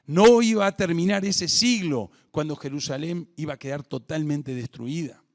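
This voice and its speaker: A man with a Rioplatense Spanish accent preaching a sermon as pastor, swinging between hushed reflection and emphatic declaration. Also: on the high side, normal speed. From Uruguay. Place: home or church for an online service.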